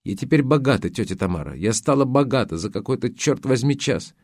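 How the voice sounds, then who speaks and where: A man reading an audiobook, voicing a spoiled, defiant young woman in a raised girlish pitch. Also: expressive, fairly quick, darkish tone, no room sound, natural voice. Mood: petulant, defiant. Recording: dry close studio sound.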